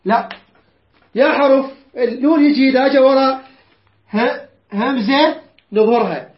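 A man's voice: very high-pitched, moderate pace. A man teaches Quran recitation rules, patiently repeating and quizzing his students. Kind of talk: tajweed lesson with call-and-response drills. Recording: roomy, dull lo-fi recording.

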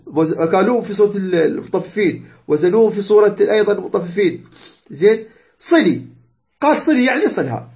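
High-voiced Iraqi man teaching patiently. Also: dull audio. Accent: Iraqi Arabic. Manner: patient explaining, checks understanding with "clear?" and "good". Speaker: teacher of Quranic spelling and recitation. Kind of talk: classroom lesson.

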